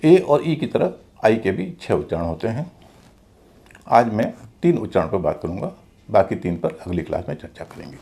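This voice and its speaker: A man's voice: fairly low pitch, sing-song, normal speed, gravelly, mellow. A man teaching English pronunciation in a video class, explaining rules step by step and repeating them with examples.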